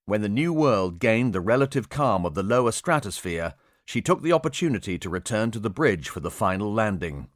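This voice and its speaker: A man narrating an adventure audiobook with expressive, dramatic storytelling, in a studio. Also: on the low side, a little fast, dry recording.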